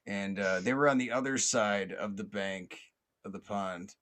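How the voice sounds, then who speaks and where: A man's voice: on the low side, a little slow, fairly bright tone. A man hosting a podcast, telling a long personal story in a loose, rambling way. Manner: rambling, lots of fillers and restarts. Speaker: podcast host.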